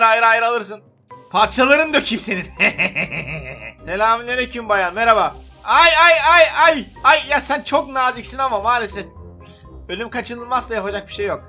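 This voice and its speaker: A man giving playful, excitable gameplay commentary, teasing and trash-talking other players as he builds and fights. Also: extremely high pitch. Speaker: gaming YouTuber. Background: faint background music.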